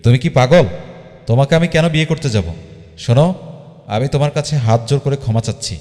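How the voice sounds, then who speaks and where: A man's voice: lowish voice, moderate pace, dark tone, long reverb tail, natural voice. A man voicing a flustered, married young man on a date who pleads and gets exasperated. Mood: pleading.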